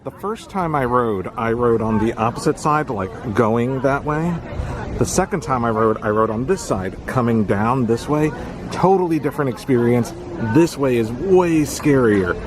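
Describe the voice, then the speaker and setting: A man's voice: medium pitch, lively intonation, normal speed, crowd noise. A man hosting a theme park vlog, talking casually to his viewers outdoors. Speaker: theme park vlogger and channel host. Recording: noisy outdoor amusement park ambience.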